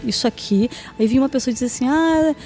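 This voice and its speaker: An adult woman, mother of two daughters, gives a chatty personal faith testimony in a high, mellow voice that races along over soft background music. She often acts out what people said and tags her sentences with frequent "né?" and "sabe?".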